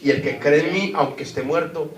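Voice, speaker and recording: A man's voice: a little high, a little fast. A man with a Colombian Spanish accent preaching a sermon as pastor, putting questions to the congregation and stressing his points. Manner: preaching with rising emphasis, asks the congregation questions. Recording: echoey hall.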